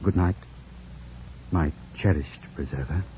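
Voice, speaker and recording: Deep-voiced, brooding Mister Rochester. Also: male voice, unhurried. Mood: tender, intense. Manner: formal, theatrical, commanding phrasing. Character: brooding, gruff gentleman master of the house. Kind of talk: 1940s radio drama acting. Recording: dull old radio recording, faint noise.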